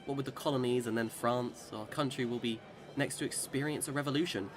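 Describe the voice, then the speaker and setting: A medium-pitched man speaks briskly in a radio drama, with music behind him and a voice close to everyday speech. He plays a boastful immortal Englishman who swings between cheer and despair, using theatrical old-time speech, and sounds wry and self-assured.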